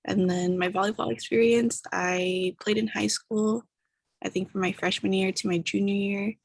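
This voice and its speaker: Young woman student from San Diego, halting intro, dry close sound. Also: mid-range voice, flat delivery, no echo. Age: young adult. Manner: halting, repeats words.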